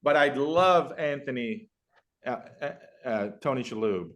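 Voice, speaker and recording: A man's voice: mid-range voice, expressive, measured pace, a bit bright. A man hosting a podcast, asking rambling, enthusiastic questions that keep interrupting themselves. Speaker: podcast host. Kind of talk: casual podcast chat.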